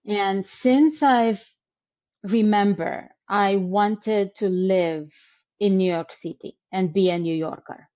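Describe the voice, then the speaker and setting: A middle-aged woman from Romania, answering interview questions reflectively, pausing with fillers. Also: medium pitch, mellow, lo-fi sound. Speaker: guest.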